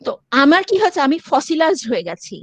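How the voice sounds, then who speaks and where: Woman lecturer, high voice, dry close sound, step-by-step teaching with English asides. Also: sing-song, fast, no echo. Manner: explains step by step, mixing in English phrases. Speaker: university lecturer. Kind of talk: classroom lecture.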